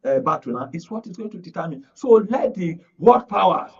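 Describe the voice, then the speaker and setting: A Nigerian media analyst on a radio panel speaks earnestly and emphatically, repeating phrases for weight in a radio studio. His voice is high, husky, very animated, and fairly quick, but the audio is muffled and he sounds distant from the mic.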